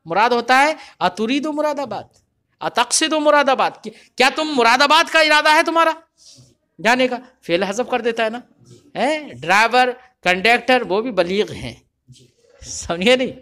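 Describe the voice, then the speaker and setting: A male religious teacher with an extremely high-pitched, expressive, sharp voice gives a grammar lecture. He explains points and keeps checking whether the class has understood with repeated questions.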